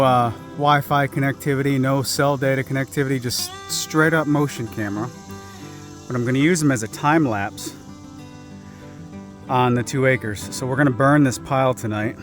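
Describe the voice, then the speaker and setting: A man talks to his handheld camera out in a cleared patch of woods, chatty and a little self-deprecating. His pitch sits in an ordinary middle range. Faint guitar music plays softly behind him. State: slightly out of breath. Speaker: vlogger working his land. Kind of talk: casual vlog talk to camera. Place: outdoors on a wooded clearing.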